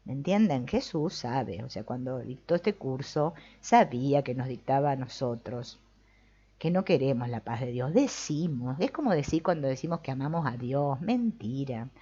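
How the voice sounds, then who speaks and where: Lively Rioplatense woman teaching, lo-fi. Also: a bass voice, moderate pace, breathy edge. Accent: Rioplatense Spanish. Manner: animated, acts out quoted voices, colloquial humor. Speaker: spiritual teacher. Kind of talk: informal spiritual talk. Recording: dull lo-fi recording.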